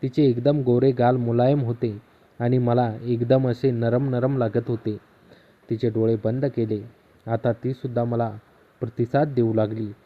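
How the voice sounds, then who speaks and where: A man telling a first-person story in a steady, even storytelling manner. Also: mid-range voice, a little slow. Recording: slightly dull lo-fi audio.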